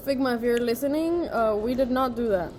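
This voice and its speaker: A young woman co-hosting a casual podcast, joking dryly and giving mock shout-outs. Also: on the high side, brisk, a little hiss or hum. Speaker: podcast co-host. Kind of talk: casual chat.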